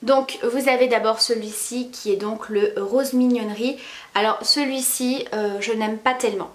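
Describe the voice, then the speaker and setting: A woman's voice: fairly high pitch, steady tone, moderate pace. Chatty woman reviewing beauty products, roomy. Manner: chatty, many fillers and restarts. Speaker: beauty vlogger.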